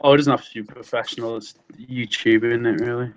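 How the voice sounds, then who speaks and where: A man's voice: mid-range voice, fairly even intonation, a little fast. A man co-hosting a casual podcast chat, who hedges and fills his thoughts with ums and restarts. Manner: hesitant, many ums and restarts. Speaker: podcast co-host.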